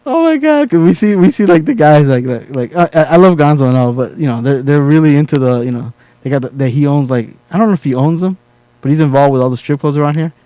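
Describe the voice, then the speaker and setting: Animated high-voiced joking man. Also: fast talker, clean tone, no room sound, rough recording. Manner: animated, laughs a lot, acts out quotes in high voices. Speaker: podcast host. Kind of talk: casual joking chat.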